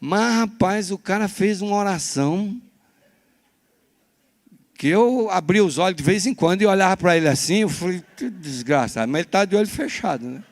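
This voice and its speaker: Animated preaching pastor, a man. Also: high voice, normal speed. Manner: animated, swinging from hushed confession to loud exhortation. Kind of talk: sermon with personal storytelling. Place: church service.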